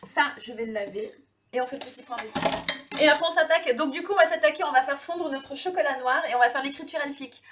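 Chatty high-voiced woman. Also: fast, noisy background. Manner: chatty, laughs often, many fillers and restarts. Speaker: livestream host cooking. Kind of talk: casual live-stream chat with viewers.

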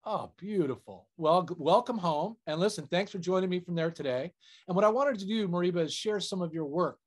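Chummy older man hosting, high voice. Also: lively intonation, brisk. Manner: friendly, chummy. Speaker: host. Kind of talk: casual interview hosting. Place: indoors, small decorated room. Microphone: video call.

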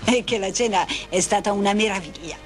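Woman acting a sweet chatty old mum in a dubbed soap, average pitch, music playing. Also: a little fast, lightly acted. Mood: warm, chatty. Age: older. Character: kindly, chatty elderly mother, slightly frail.

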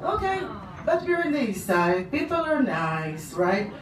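A woman's voice: a little high, unhurried, a crowd in the background. Israeli-accented woman telling a story live. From Poland. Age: middle-aged. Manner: animated, gesturing, with audience laughter. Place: small dark room, on stage. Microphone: handheld mic on stand, far camera. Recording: roomy, from far off, noisy.

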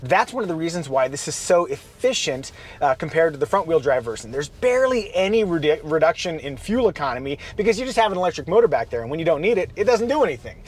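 A man hosting a casual car review from inside a minivan while he drives, chatty and relaxed, with playful asides. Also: on the high side, quick pace, few pauses.

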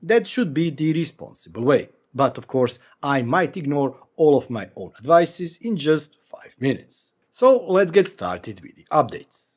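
A man's voice: fairly high pitch, big pitch swings, unhurried, hardly any pauses, husky. A man in his forties hosting a screen-recorded tech tutorial from a home office, talking through steps with wry asides. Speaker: tech channel host.

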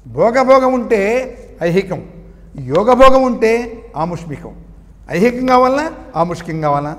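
High-voiced man preaching in a reverberant hall. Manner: chants verses slowly, asks and answers own questions. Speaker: spiritual teacher. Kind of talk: Telugu sermon explaining verses.

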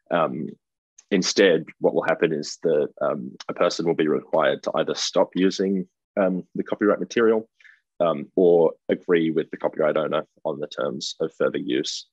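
Speaking from an office via webcam, a middle-aged Australian man delivers a keynote presentation in a very low voice with a husky edge. He's hesitant, often saying um and starting phrases over, and the recording sounds dull, lo-fi, dry and close, with no room sound.

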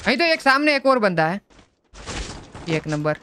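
A man's voice: high voice, big pitch swings, normal speed, pushed and bright. Indian man, playful banter, casual gaming chat, noisy game sounds. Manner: joking, teasing banter. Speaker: gamer host. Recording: noisy game audio behind.

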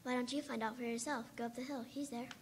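A woman's voice: a little high, steady tone, fast talker, a little hiss or hum, lightly acted. A woman voicing a cheerful, carefree wooden girl doll who answers in a light, matter-of-fact way.

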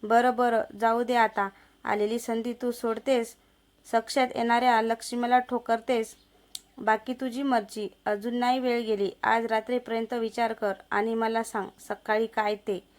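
A woman playing a lecherous moneylender man, threatening, coaxing, slightly high. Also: flat delivery, measured pace, a little mellow, lightly acted. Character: lecherous menacing male village moneylender. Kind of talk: storybook narration.

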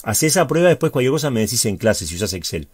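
Male teacher, Uruguayan Spanish accent, mid-pitched, step-by-step tutorial delivery, dry recording. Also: big pitch swings, fast, a little mellow, breathy edge, dry recording. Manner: chatty, explains step by step with frequent check-ins. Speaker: high school teacher. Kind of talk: spreadsheet tutorial.

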